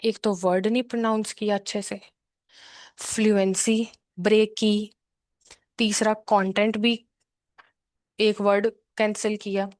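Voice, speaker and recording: A woman's voice: medium pitch, little pitch movement, slow, pauses often, no echo. Patient woman tutor, dry close sound. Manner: patient, repetitive explaining with frequent check-ins. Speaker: exam prep tutor. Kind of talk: explanatory lesson, mixing English terms into her talk.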